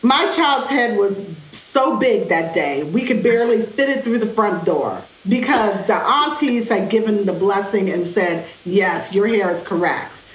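Animated, lively-voiced woman storyteller. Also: mid-range voice, measured pace, hardly any pauses. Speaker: guest. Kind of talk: storytelling in casual conversation. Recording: roomy echo.

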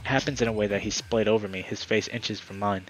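Low-voiced man reading a story aloud. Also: steady tone, quick pace, muffled recording, faint music behind. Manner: dramatic story reading with casual asides. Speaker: gaming YouTuber. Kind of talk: reading a visual novel aloud.

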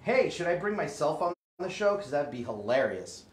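A man's voice: fairly high pitch, big pitch swings, moderate pace. A man hosting a casual live shopping stream, upbeat and chatty with frequent ums, who has the hiccups. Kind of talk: casual chat to viewers. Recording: roomy echo with faint ambient noise.

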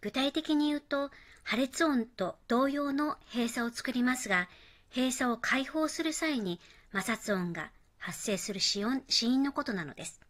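A woman narrating a scripted pronunciation lesson, modelling English phrases slowly and carefully. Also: high-pitched, expressive, a bit bright.

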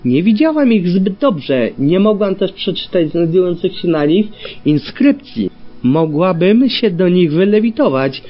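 A man reading a story aloud as an audiobook, telling it in an expressive way. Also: high-pitched, a little slow. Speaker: audiobook reader. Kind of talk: scripted narration of fan fiction. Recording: dull lo-fi with faint music.

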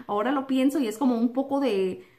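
A woman's voice: sits high, brisk. A young adult woman vlogger telling a personal story to camera, acting out quotes and sound effects and slipping in English words. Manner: animated, acts out quotes and sound effects like "pum"; drops English words into Spanish.

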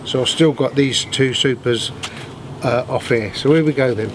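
A middle-aged beekeeper talks casually through his hands-on work as he does it, in a mid-range voice at normal speed. He's outdoors in a wooded apiary, and the recording clearly picks up outdoor noise, with buzzing bees and birdsong in the background.

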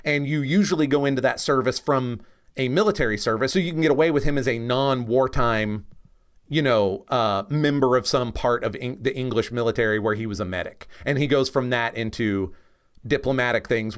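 This man, a comics expert and podcast co-host, speaks at a medium pitch and moderate pace. He explains in a relaxed, opinionated way and often turns to check in with the listener.

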